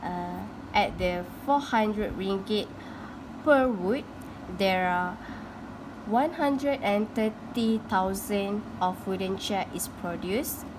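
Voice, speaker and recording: A young woman student explains a graph for a class presentation, speaking slowly and stopping to restart her phrases. She is recorded on a phone with clear background hum and noise. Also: mid-range voice. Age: young adult.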